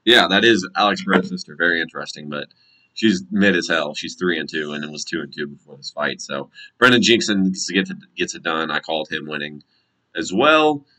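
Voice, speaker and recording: A man with an American accent and a low, forceful voice. He talks like a casual sports vlogger breaking down fights, blunt and full of slang and swearing. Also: expressive, fairly quick, low-quality recording. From United States. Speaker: MMA commentator and predictor. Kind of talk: casual fight recap and prediction vlog.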